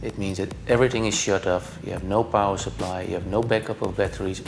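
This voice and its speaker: A man explains technical work in an interview with a low, gravelly voice. His phrasing is halting and deliberate, his tone flat, with music behind him. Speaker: installation engineer. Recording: music under the voice.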